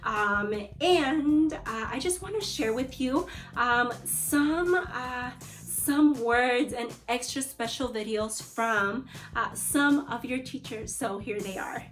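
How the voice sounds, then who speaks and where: An elementary school teacher leads a read-aloud lesson for young children, her voice fairly high and a bit bright. She speaks slowly and encouragingly to her pupils while soft music plays in the background.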